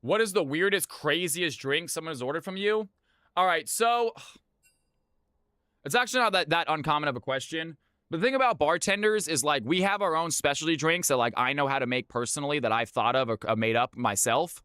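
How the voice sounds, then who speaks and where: Bright-voiced man hosting a livestream. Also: fairly high pitch, animated, a little fast, smooth, no room sound, clean studio sound. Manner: chatty, informal, repeats phrases, addresses viewers as folks and big dog. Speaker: livestream host running community custom games. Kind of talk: livestream chat and game-lobby announcing.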